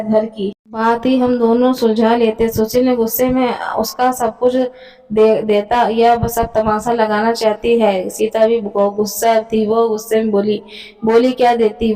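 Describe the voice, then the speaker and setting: A woman reading a sad family story aloud in an even, plain way, stumbling and restarting now and then. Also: a little high, distant mic, poor audio.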